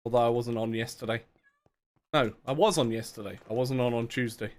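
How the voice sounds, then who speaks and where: A man's voice: medium pitch, steady tone, brisk, darkish tone. A man chatting casually on a live game stream, rambling, self-mocking and laughing often. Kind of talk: casual live-stream chat while gaming.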